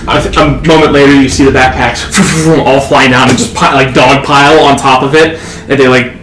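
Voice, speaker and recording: A man narrating as game master of a tabletop game, halting, with many fillers. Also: medium pitch, little pitch movement. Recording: echoey room, faint noise.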